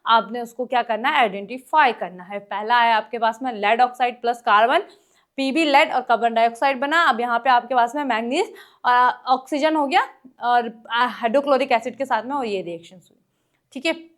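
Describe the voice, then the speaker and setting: A woman teaches an exam-prep lesson, talking straight to the students. She works through each step and keeps checking whether they follow. She reads English question text slowly and sometimes coughs or clears her throat. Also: on the high side, a bit bright. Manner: explains step by step in Hindi mixed with English, keeps asking the class questions.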